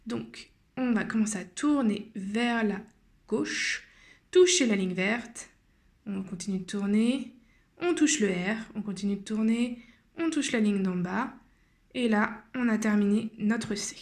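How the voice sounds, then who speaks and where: A woman teacher guiding young children through cursive handwriting step by step, slowly and patiently, with frequent hesitations. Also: mid-range voice, a little mellow. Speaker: primary school teacher.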